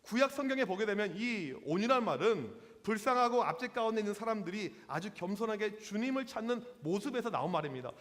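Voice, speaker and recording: Animated high-voiced male youth pastor. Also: fairly quick, few pauses. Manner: lively, acts out quotes in voices, slangy with teens. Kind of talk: sermon to teenagers. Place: church hall. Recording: long hall reverb.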